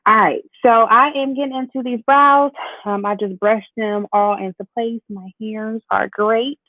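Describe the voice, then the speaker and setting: A woman's voice: on the high side, steady tone, measured pace, no echo. An upbeat woman, chatting with viewers as she hosts a makeup livestream. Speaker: beauty livestream host. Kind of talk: casual makeup livestream chat. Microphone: AirPods. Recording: tinny phone-like livestream audio.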